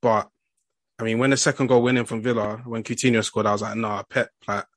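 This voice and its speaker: A man's voice: medium pitch, little pitch movement, fast, dry recording. A young man with an urban London roadman accent hosting a football podcast in casual, slangy chat. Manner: slangy street talk.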